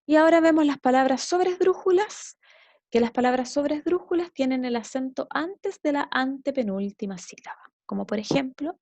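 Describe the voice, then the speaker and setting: A woman's voice: high-pitched, normal speed, a little mellow, no echo. A woman teacher with a Chilean Spanish accent, explaining a grammar lesson and checking understanding with short tag questions. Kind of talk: recorded classroom lesson.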